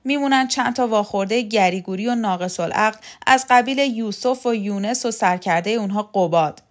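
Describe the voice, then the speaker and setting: A woman reading an audiobook, voicing a domineering, scornful woman who taunts and threatens loudly. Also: medium pitch, lightly acted. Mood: scornful, furious. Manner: loud, sharp, taunting. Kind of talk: audiobook character voice.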